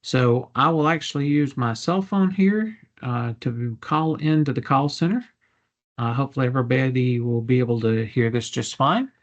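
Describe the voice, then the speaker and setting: A man presenting a software demonstration in a measured, businesslike, explanatory way. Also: medium pitch. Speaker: product demonstrator.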